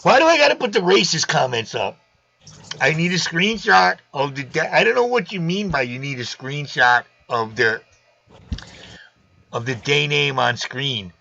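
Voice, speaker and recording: A man's voice: fairly high pitch, very animated, moderate pace, gravelly, sharp tone. A man hosting a live stream in casual chat, blunt and wisecracking. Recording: dull lo-fi sound.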